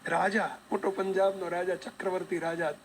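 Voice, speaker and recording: A male preacher telling a devotional story in an animated, dramatic way, often turning to address his listeners. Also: sits high, moderate pace, a little hiss or hum.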